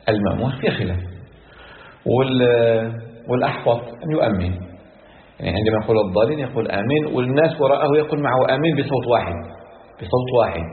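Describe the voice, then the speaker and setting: Fast-talking male Quran teacher, echoey hall. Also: mid-range voice, slight background noise. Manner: explanatory, repeats key phrases. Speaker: Islamic scholar teaching Quran exegesis. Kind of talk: religious lesson. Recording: echoey hall on a tinny lo-fi line.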